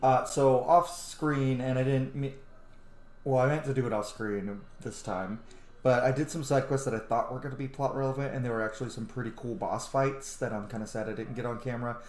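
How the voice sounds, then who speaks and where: A gaming channel host with a mid-range, somewhat dark voice gives fairly quick, informal let's play commentary full of swearing. The room has an echo, and video game music plays behind him.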